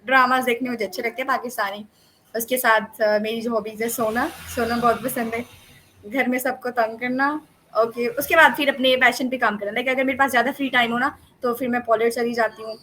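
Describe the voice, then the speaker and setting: A woman's voice: a little high, fairly bright tone, a little hiss or hum. A young woman from Pakistan, a student guest on an online interview call, talking casually and playfully with lots of fillers and self-corrections. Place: online video call from home. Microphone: computer or phone mic on a call.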